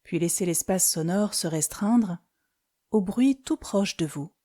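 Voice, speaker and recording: Speaking at a medium pitch, a woman leads a guided yoga nidra session as the instructor. Her delivery is soothing and calm, broken into brief phrases with pauses between them.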